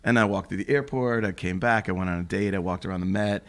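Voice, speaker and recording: Low-voiced man telling lively stories. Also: fast. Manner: animated storyteller, acts out quotes, laughs often. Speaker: podcast guest, photographer. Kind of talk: casual chat. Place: apartment room.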